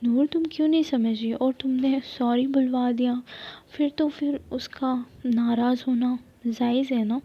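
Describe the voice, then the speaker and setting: A caring young friend gives frank, coaxing advice, as a woman whispers her in whispered role-play. The breathy voice is slightly high. The recording is dull and lo-fi. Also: fairly even intonation.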